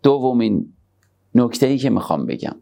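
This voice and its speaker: A man speaks in a gravelly, mellow voice at a middling pitch. He gives a sermon on parenting in a conversational way, easing into soft, tender asides before pressing each point with emphasis. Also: lively intonation. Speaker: religious speaker.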